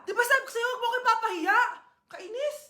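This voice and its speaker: A woman's voice: extremely high pitch, quick pace, pushed and bright, roomy sound, voice pushed up. A woman playing a bratty teenage daughter who is ashamed of her mother, in a comedy skit. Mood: sulky. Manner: sulky, dismissive. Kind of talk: comedy skit role-play.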